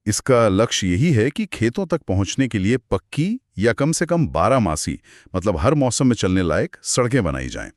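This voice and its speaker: A man's voice: fairly low pitch, big pitch swings, moderate pace, no echo, studio quality. A man co-hosting a scripted explainer chat, explaining details patiently. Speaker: co-host.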